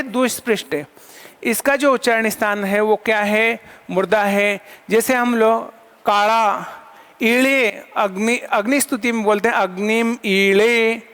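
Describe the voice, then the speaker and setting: A man's voice: very high-pitched, a bit bright, smooth. A man teaching an online lesson, asking questions and answering them himself and counting items aloud. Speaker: Sanskrit teacher. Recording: long hall reverb.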